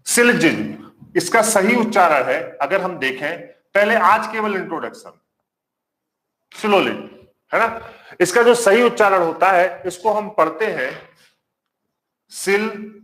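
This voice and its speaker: A man with a fairly high voice teaches a live online class. He says each point more than once and keeps asking the viewers to answer back. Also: expressive, moderate pace. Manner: repeats points and quizzes the class; warm greetings to viewers. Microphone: marker on whiteboard.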